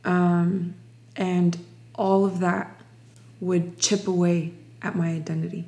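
A young woman from Ukraine shares her testimony in a slow, deliberate way, often restarting her sentences as she gathers her thoughts. Her voice sits low for a woman and stays fairly even, with little rise and fall. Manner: slow, reflective, many restarts. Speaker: guest sharing testimony. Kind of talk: personal testimony interview.

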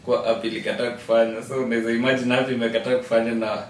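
A man's voice: medium pitch, flat delivery, rapid-fire. Kenyan man explaining, off the mic. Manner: explanatory, switches between Swahili and English. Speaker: podcast co-host. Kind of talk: casual chat. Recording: echoey room, distant mic, faint noise.

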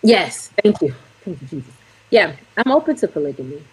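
A woman's voice: lowish voice, sing-song, brisk, husky, low-quality recording. A woman guest on a casual podcast, searching for words as she answers.

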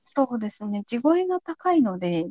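High, mellow-voiced woman hosting a podcast. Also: sing-song, moderate pace, no echo. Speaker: podcast host. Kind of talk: casual interview chat.

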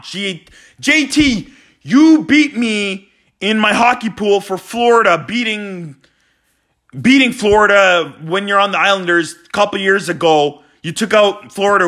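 Ranting man with a bright high voice. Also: unhurried. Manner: exasperated, ranting, sometimes shouting. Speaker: hockey fan vlogger. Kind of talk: post-game fan rant.

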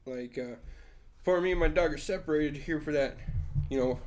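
Young guy, fairly high-pitched, loose casual storyteller who laughs a lot and swears freely. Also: normal speed, a little mellow. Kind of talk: casual chat.

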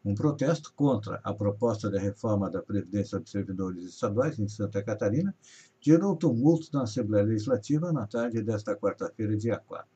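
Man from Brazil, news host, reads headlines with emphasis, mellow husky voice. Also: lowish voice, animated, fairly quick. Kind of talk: reading regional news on a live show. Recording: dull lo-fi audio.

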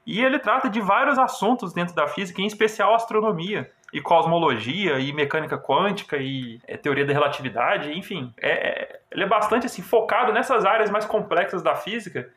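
A roomy, echoing recording of a Brazilian man with a slightly high voice. He has a Brazilian Portuguese accent and explains things conversationally as a podcast co-host. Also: a little fast, few pauses, sharp tone. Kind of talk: casual explanatory chat.

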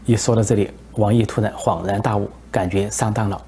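Male commentator, low and husky, relaxed tale-spinner with hesitations. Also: a little fast. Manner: relaxed storytelling with frequent hesitations. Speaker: political commentator. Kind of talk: commentary with joke storytelling.

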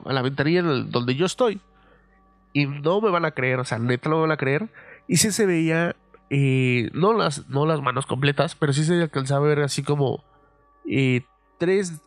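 A young man with a Mexican accent, telling a story casually on his podcast, swearing freely and filling pauses with "eh". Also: a little high, no echo. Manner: profane, loose, full of fillers. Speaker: podcast host.

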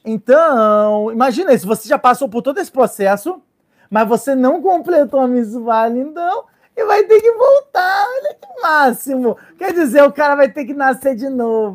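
A man with a Brazilian Portuguese accent giving an informal Torah lesson as a rabbi, lively and joking, often acting out little voices. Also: extremely high pitch. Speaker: rabbi teaching a Torah class.

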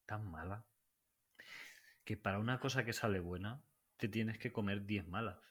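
A man chats and teases his co-host. His voice sits fairly low but sounds bright and forceful. He wanders through long, joking anecdotes. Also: normal speed. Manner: teasing, rambling storyteller. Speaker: podcast co-host. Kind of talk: casual chat.

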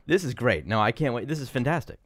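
A man's voice: medium pitch, expressive, over a noisy crowd. A man appearing as a guest on a casual tech podcast, speaking enthusiastically. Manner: enthusiastic, quick talker.

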